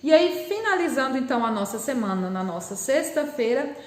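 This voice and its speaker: A Brazilian woman teaching a primary school class, patiently explaining and drawing out syllables slowly. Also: high voice, sing-song, roomy sound, faint music behind. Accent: Brazilian Portuguese. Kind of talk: recorded remote class lesson.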